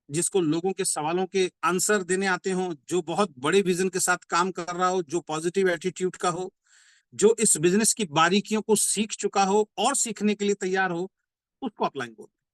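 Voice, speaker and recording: A man giving a motivational business training talk. He explains by repeating points and asking rhetorical questions, and says key slogans slowly. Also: high voice, a bit bright, no room sound. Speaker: network marketing trainer.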